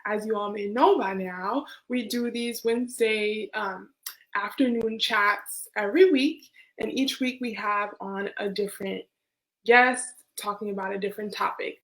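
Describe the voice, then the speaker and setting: A woman's voice: medium pitch, a little slow, poor audio. A woman hosting an online talk show, upbeat and repeating her pleas for emphasis, on a video call. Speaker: host.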